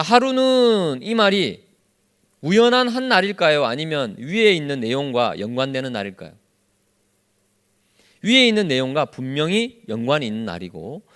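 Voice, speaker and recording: A male pastor teaches a Bible study sermon and keeps firing questions at the congregation. His voice sits a little high and leaps up and down with lively expression. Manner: constantly quizzes the congregation with questions; acts out quoted speech in lively voices.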